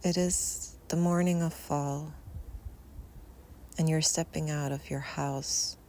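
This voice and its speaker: A woman guides a Yoga Nidra meditation outdoors in nature, her low, creaky voice very slow, soft and unhurried, with long pauses. Faint natural ambience can be heard in the background of the recording.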